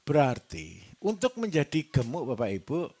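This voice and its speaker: A livestock trainer from Java, speaking with a Javanese accent, gives a lively farming seminar to a live audience, quizzing them and cracking jokes. His voice has a fairly high pitch and a moderate pace.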